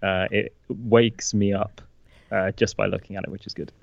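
A man's voice: lowish voice, flat delivery, moderate pace, creaky, dry recording. A man with an English accent chatting casually as a podcast co-host, recorded a little dull on a remote call. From England. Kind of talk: casual chat. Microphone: remote video call.

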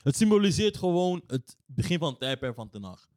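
A man's voice: on the high side, big pitch swings, brisk, a little mellow, no room sound, studio quality. A young man in casual football discussion, explaining his points informally with English words mixed in.

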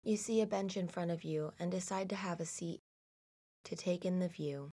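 A woman narrating a guided meditation slowly and soothingly, in a hushed delivery with long pauses. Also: fairly low pitch.

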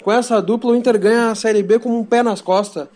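A man doing explosive football goal commentary with drawn-out shouts. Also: very high voice, fairly even intonation. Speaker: football talk show panelist. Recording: music behind the voice.

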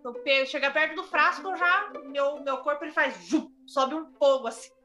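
A woman co-hosting a casual chat, animated and exclamatory. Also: high voice, moderate pace, soft background music. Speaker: podcast co-host, mother.

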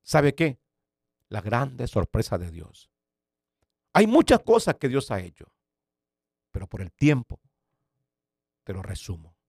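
A man in his fifties, an evangelist pastor, tells his testimony as a dramatic story. He repeats words for emphasis and moves between loud bursts and hushed near-whispers. His voice sits mid-pitch and sounds dry, with no room echo. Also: wildly swooping pitch, takes it slowly, gravelly, pauses often, slightly rough. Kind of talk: personal faith testimony.

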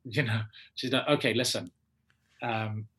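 A man with an English accent recounts a story in relaxed conversation. He has a slightly husky voice. His pitch jumps up when he acts out other people's lines. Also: measured pace. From England. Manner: animated storyteller acting out quoted voices. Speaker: actor guest. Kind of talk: casual interview anecdote.

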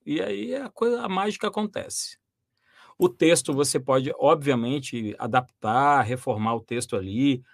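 A Brazilian man who works as a voice actor and dubbing director talks through his craft in a conversational interview. He explains in a lively way, full of restarts and fillers. His voice sits at an ordinary male pitch, recorded close and dry with little room sound. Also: no echo.

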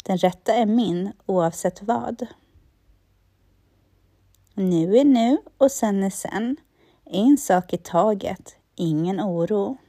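A woman slowly and calmly leading a listener through spoken affirmations, pausing for them to repeat each line. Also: medium pitch, breathy edge, no room sound, studio quality. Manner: slow, calm, repeats lines for the listener. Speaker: affirmation guide.

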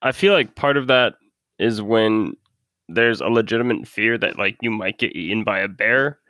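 A man's voice: fairly low pitch, normal speed, bright, forceful tone, no echo, clean studio sound. A man from Minnesota hosting a casual interview, asking questions in a laid-back way. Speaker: host.

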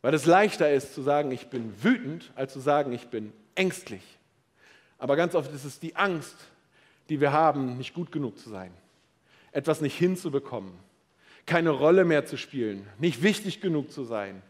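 A middle-aged man delivers a sermon with a voice that swings widely in pitch and sits a little high. He is playful and direct, firing questions at the congregation. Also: normal speed. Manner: lively, playful, addresses the audience directly. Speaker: preacher.

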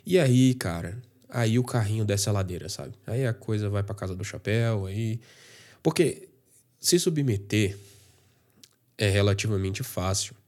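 A man's voice: fairly low pitch, darkish tone. A man giving a casual, conversational Bible reflection, thinking aloud with fillers and slang. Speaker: Bible study presenter.

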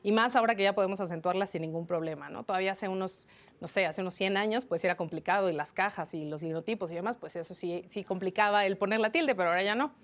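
A woman journalist from Mexico answering interview questions, explaining spelling rules in a lively, teaching way with many fillers. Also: medium pitch, fast talker. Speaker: journalist guest.

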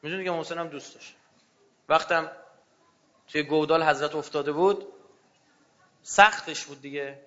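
A man preaching a fervent religious sermon to a gathering, swinging between loud outbursts and hushed low passages. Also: pauses often, dull audio.

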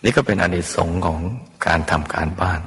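A man, a Buddhist teacher, gently guiding a meditation and calling his listeners his children. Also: low-pitched, fairly quick. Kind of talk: guided meditation sermon. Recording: long hall reverb.

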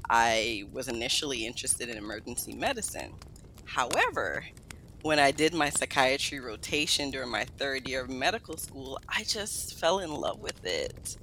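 A woman's voice: extremely low pitch, moderate pace, slight background noise, poor audio. A woman in her thirties from Guyana and Brooklyn, a psychiatrist speaking as a podcast guest in an upbeat, good-humored way. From Guyana, raised in Brooklyn, New York. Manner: upbeat, lively, laughs easily. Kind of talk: podcast interview.

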